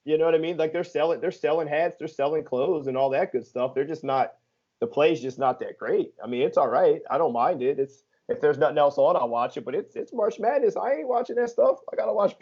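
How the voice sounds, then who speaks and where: A man's voice: fairly high pitch, darkish tone. A man co-hosting a sports podcast, chatting casually with teasing jokes and plenty of ums. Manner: joking and teasing, lots of ums and filler. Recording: dull lo-fi podcast audio.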